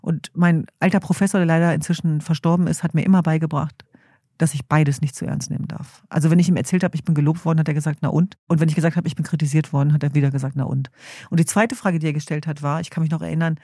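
Earnest woman with a dark, dry voice. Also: deep voice, fairly even intonation, rapid-fire, no room sound. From Germany. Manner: earnest, storytelling, acts out quoted family voices. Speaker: activist, interview guest. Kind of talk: reflective interview talk.

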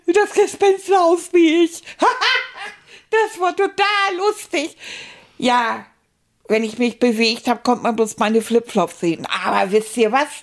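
Cheeky chatty rat puppet played by a woman, high and unhurried, for children's stories. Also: expressive. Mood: eager storytelling. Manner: playful, exclamatory, boastful, chatty. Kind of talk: children's storytelling as a puppet character.

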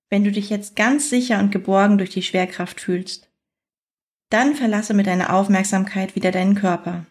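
Soothing woman guiding a slow relaxation. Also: medium pitch. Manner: soothing, unhurried, with long pauses between phrases. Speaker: guided meditation narrator. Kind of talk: guided fantasy journey, scripted relaxation narration.

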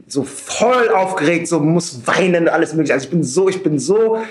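A man as a podcast guest, telling a personal story in casual conversation. He is animated, with frequent fillers and tag questions. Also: a little high, moderate pace.

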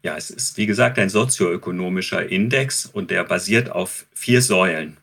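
A man's voice: deep voice, moderate pace, creaky, a bit bright, breathy edge. A man who heads research, explaining methods step by step as an interview guest.

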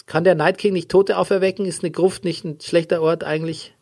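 A man with a slightly high voice hosts a casual podcast chat. He rambles and jokes, stretching out his hesitations as he recaps. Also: steady tone, a little fast, a little mellow. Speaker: podcast host.

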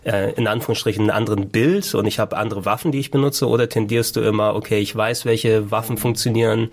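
A man's voice: fairly low pitch, fairly even intonation, fast talker. A man hosting a casual discussion about video games in an easygoing conversational style. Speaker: host of a video game discussion. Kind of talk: casual chat.

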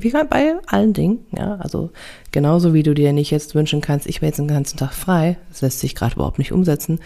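Low, mellow, and marked by vocal fry, this woman's voice belongs to a parenting coach who hosts a podcast. She talks in a relaxed, comforting way, sprinkling her speech with tags such as "ja" and "ne."

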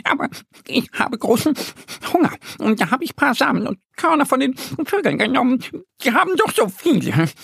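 A man's voice: very high-pitched, very animated, normal speed, creaky, fairly bright tone, slightly rough, dry recording, pitched above the performer's own voice, heavily acted. A timid little squirrel in a children's audio story. The voice sits far above his own, stammering and hesitant. The recording is dry and close. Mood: sheepish.

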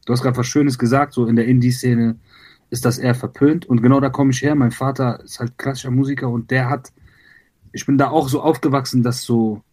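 A man from Iran, a rapper being interviewed, talking reflectively with many pauses, fillers and repeated words. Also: mid-range voice, fairly even intonation, a little mellow. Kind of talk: conversational interview.

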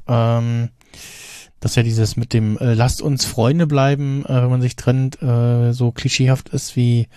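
A man's voice: mid-range voice, warm tone, dry recording. A man co-hosting a podcast in casual chat, rambling with many fillers and restarts. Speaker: podcast co-host.

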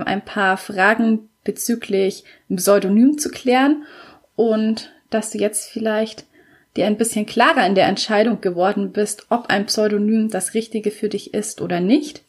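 A woman podcast host who reads a novel excerpt aloud, then closes the episode with an even, friendly address to her listeners. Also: mid-range voice.

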